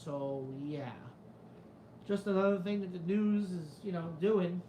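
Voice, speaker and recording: His high voice sounds mellow and a little slow, in a roomy space with slight hiss or hum. This New York-area host reads a casual live chat, rambling along skeptically and swearing freely, his New York Italian-American accent coming and going.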